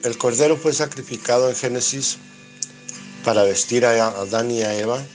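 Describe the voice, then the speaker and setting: A preacher with a Mexican accent leads a Bible study sermon, reading scripture aloud, explaining it line by line, and asking rhetorical questions that he answers himself. His mid-range voice has fairly even intonation at a normal speed, with faint music in the background.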